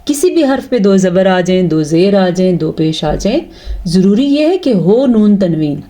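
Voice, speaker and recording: A woman teaching Quran recitation rules, explaining patiently step by step and chanting the examples slowly and drawn out. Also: medium pitch, big pitch swings, mellow. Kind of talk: tajweed lesson with slow recited examples.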